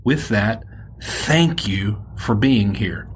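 A man from Alabama with a Southern accent and a slightly husky voice, presenting and reading as an author on his podcast. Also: lowish voice, expressive, very slow, noisy background. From Alabama, United States. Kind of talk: podcast introduction and audiobook-style first-person narration.

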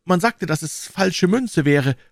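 A man doing a high, whining innkeeper who frets and pleads from an audiobook. The voice is pitched well up, with a gravelly rasp under it. The recording is close and dry. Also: a little slow, no room sound, full character voice. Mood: pleading. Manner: whiny and excitable. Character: pleading, fretful male innkeeper. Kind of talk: audiobook character voice.

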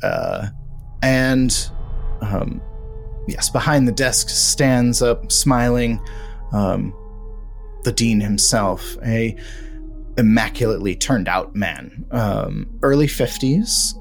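A man narrating a tabletop horror role-play game as game master, relaxed with frequent ums. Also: medium pitch, takes it slowly, creaky, faint music behind.

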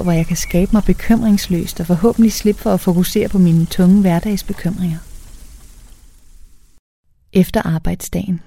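A woman's voice: lowish voice, warm tone. A young adult woman reading a first-person story aloud in a conversational way, lightly acting out the dialogue. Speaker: audiobook narrator.

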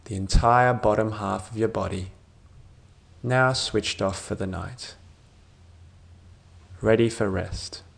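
Low, slow male sleep-meditation narrator. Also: fairly even intonation, vocal fry. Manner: gentle, hushed phrase endings, unhurried pauses between short phrases.

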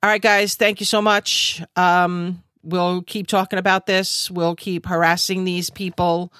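A woman's voice: lowish voice, flat delivery, measured pace, fairly bright tone, smooth, dry recording, studio quality. A woman host, giving an angry, emphatic monologue over a video call, full of fillers and restarts. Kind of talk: impassioned monologue.

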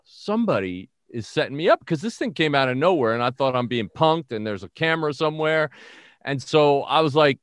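A middle-aged man from the Bronx, telling a story in an animated, self-mocking way as an interview guest. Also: mid-range voice, clear, resonant tone, no room sound, studio quality. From the Bronx, New York. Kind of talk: casual storytelling.

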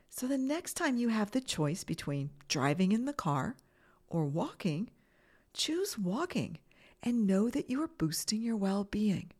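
A woman's voice: mid-range voice, darkish tone. A woman hosting a children's mindfulness podcast, giving simple, encouraging guided instructions. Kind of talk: guided mindfulness lesson with breathing exercises.

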